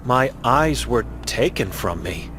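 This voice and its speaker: A grim blind old woman in a game, short broken phrases, slow with soft music under it. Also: very animated. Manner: terse broken phrasing, low and heavy. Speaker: game character reading a blind mute woman's chalkboard.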